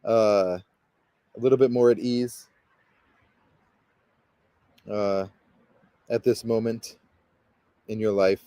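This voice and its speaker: A man's voice: lowish voice, fairly even intonation, very slow, long pauses, dark tone, clear, resonant tone, dry recording. A man leading a guided meditation as a spiritual guide, talking in a rambling, hesitant way full of fillers and restarts.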